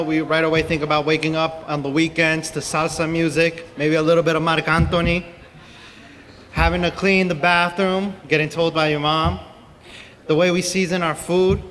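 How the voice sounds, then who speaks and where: A man's voice: a little high, fairly bright tone, a little hiss or hum. Young man telling his story in a hall. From Peru. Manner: earnest, storytelling with fillers. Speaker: speaker at a convention. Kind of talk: personal talk to an audience. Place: convention hall. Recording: distant mic in a reverberant hall.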